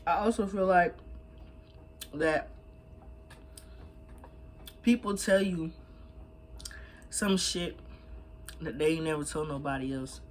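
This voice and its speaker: Eating as she talks, a young woman mukbang vlogger gives slangy, emphatic, blunt advice in casual chat. Her low-pitched voice is slow with frequent pauses, and a little hiss or hum is audible.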